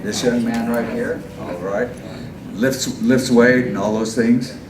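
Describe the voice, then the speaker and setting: A man with a lowish voice hosts a live stage hypnosis show. He coaxes volunteers through suggestive instructions, step by step. The sound is distant and echoey, with clear background noise. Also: steady tone, slow. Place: large echoey indoor venue with audience. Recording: echoey hall from far off, noisy background.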